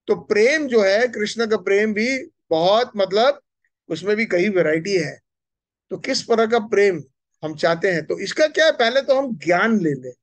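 A high-voiced spiritual speaker delivers an animated Hindi devotional lecture in an indoor temple hall, gesturing and asking the audience questions. A stand mic sits close to his mouth, giving a dry recording.

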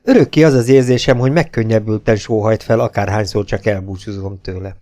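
A man voicing an earnest middle-aged male suitor in an audiobook, speaking in a measured, emphatic way. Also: on the low side, steady tone, dark tone, lightly acted.

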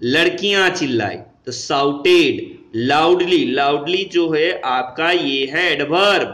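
A man's voice: on the high side, slow pace, a bit bright, echoey room, poor audio. A man with an Indian accent teaching English grammar, mixing Hindi and English and asking his students questions, then answering them himself.

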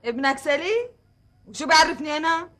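An actress playing a sharp-tongued, defiant Damascene woman with a Damascene accent, who talks in a sarcastic, loud way. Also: high voice, animated, fast. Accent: Damascene Arabic.

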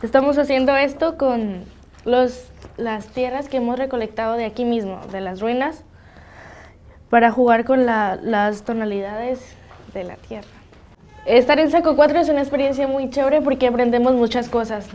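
A woman's voice: on the high side, normal speed, darkish tone. A young woman taking part in a workshop, describing what she learned in a simple, earnest way. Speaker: workshop participant. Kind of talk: documentary interview.

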